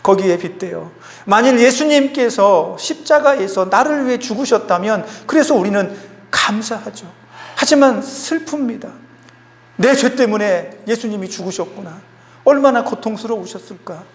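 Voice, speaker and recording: A man's voice: sits high, lively intonation, moderate pace. A male pastor preaching a sermon in a church, emphatic and acting out the quotes. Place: church sanctuary. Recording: long hall reverb.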